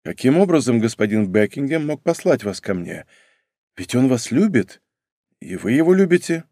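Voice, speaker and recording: A man voicing an earnest, reserved young nobleman in an audiobook, speaking quietly and sincerely. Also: mid-range voice, big pitch swings, moderate pace, dry recording, studio quality. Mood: subdued.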